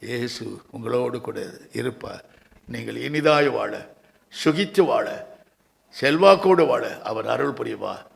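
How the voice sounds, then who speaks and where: A male pastor preaching passionately at a church service, stretching his English prayer lines slowly. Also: mid-range voice, animated, creaky, in a large hall. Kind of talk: sermon and fervent prayer.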